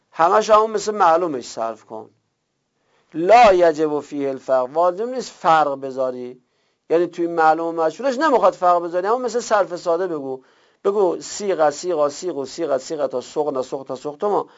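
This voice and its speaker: Slightly high-voiced man teaching grammar. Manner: reads slowly, then explains quickly, drilling word forms in lists. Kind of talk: classroom lecture, reading and explaining a text. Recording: dull lo-fi recording.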